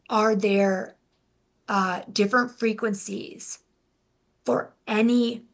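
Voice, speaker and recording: A young adult woman speaking as a guest in a casual interview, often restarting her sentences and filling pauses with "like". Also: on the high side. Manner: halting, restarts, many "like" fillers. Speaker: guest, intuitive healer and life coach.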